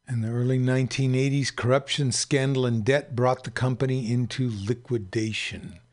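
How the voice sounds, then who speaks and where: A man hosting a radio show, reading aloud and commenting in a deliberate, emphatic way. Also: medium pitch, fairly even intonation. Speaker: radio host.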